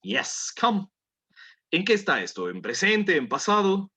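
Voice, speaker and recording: Husky-voiced man teaching a class. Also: high voice, very animated, a little slow, pushed and bright. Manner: patient, coaxing, repeats words for drilling. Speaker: English teacher. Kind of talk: classroom teaching with pronunciation drills.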